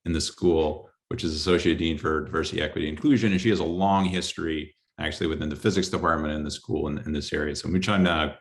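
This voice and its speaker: Low-voiced man hosting a panel. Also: fairly even intonation. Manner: friendly, halting introductions with restarts. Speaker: dean and panel host. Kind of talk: moderating a panel discussion.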